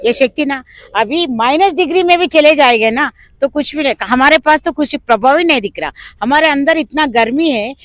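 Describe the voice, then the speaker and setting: A woman's voice: sits high, lively intonation, moderate pace, no room sound. A woman from South India leading a protest, speaking fervently in an interview at an outdoor demonstration. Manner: fervent, rises to shouting slogans. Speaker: protest leader. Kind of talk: impassioned protest speech.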